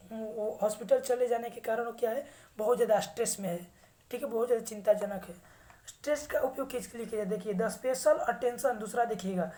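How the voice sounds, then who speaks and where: A woman teaching English vocabulary who reads English sentences slowly with an Indian accent and then explains them in Hindi. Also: a little high, dark tone. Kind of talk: slow English vocabulary lesson.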